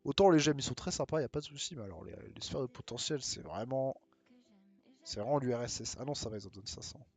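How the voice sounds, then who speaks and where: A man from France live-streaming a mobile game, chatting casually and joking, and sometimes slipping into halting English with a heavy French accent. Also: medium pitch, expressive, a little mellow, slightly rough. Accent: heavy French accent when speaking English.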